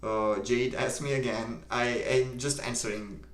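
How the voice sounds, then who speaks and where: A young man from Romania with a Romanian accent, calmly reading viewer comments aloud and answering them on a live stream. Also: mid-range voice, a little slow, roomy sound. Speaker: livestream host. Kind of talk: casual live-stream chat.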